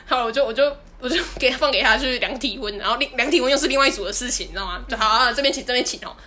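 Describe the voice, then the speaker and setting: A woman's voice: fairly high pitch, racing, pushed and bright, a little hiss or hum. A woman, co-hosting a podcast and animatedly telling a story, often laughing and acting out the people in it. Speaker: podcast co-host. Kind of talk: casual storytelling chat.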